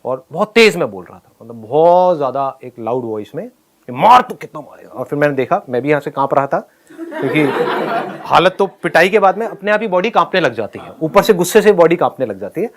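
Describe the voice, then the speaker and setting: A man tells a personal school story in an animated way, laughing often and acting out his own lines. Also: fairly high pitch, a little fast, a little hiss or hum. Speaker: speaker telling a school story.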